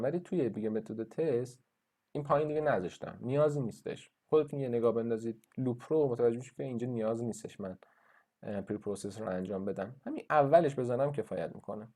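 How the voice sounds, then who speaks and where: A man's voice: medium pitch, dark tone. A man lecturing in a screen-recorded coding tutorial, thinking aloud with fillers and restarts as he walks through his code. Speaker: university lecturer.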